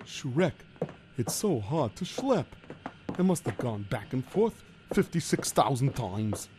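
A man's voice: medium pitch, very animated, takes it slowly, noisy background. A man voicing a bumbling, fretful worker who speaks, lamenting and stammering. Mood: flustered. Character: bumbling hapless male worker, fretful and clumsy.

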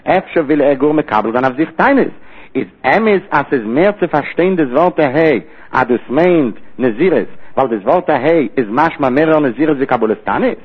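A man's voice: fairly high pitch, lively intonation, moderate pace, husky. A man teaching a Talmud study lecture, explaining in short repeated phrases. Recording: tinny phone-like line.

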